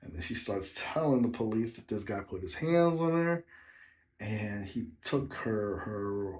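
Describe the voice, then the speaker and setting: A man's voice: lowish voice, expressive, unhurried, darkish tone. A man telling his own story in a casual vlog, rambling and breaking off to speak to his viewers. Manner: rambling, with side remarks to viewers. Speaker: vlogger telling a personal story.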